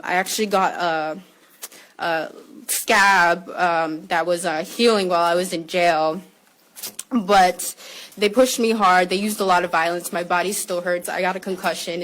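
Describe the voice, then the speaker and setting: A young woman from the United States giving a personal statement at a press conference, close to tears, halting with frequent fillers and restarts. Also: lowish voice, fairly bright tone, poor audio.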